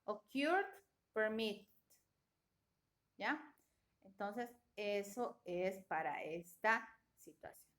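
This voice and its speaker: Slow, deliberate woman teaching grammar. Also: medium pitch, expressive, fairly bright tone. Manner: slow and deliberate, often checking with a questioning "¿ya?". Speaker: English teacher. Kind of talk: classroom grammar lesson.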